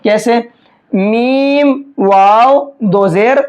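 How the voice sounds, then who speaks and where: A man teaching a step-by-step recitation lesson. He explains each rule patiently, often checks that it is understood, and draws out slow examples. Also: extremely high pitch. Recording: dull lo-fi recording.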